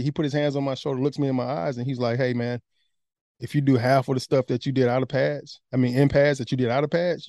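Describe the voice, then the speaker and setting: A man telling a candid personal story in casual, animated conversation. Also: mid-range voice, no room sound, studio quality. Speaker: guest.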